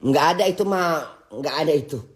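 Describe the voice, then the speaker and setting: A woman's voice: low voice, animated. A woman, hosting a livestream and ranting casually in a scolding way, stumbling and restarting her words often. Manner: halting and scolding, with many restarts. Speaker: livestream host.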